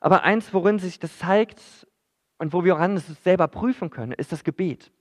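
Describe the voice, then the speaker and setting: A man's voice: sits high, normal speed. A man preaching a sermon in church, in a conversational way that addresses the listeners directly, with frequent fillers.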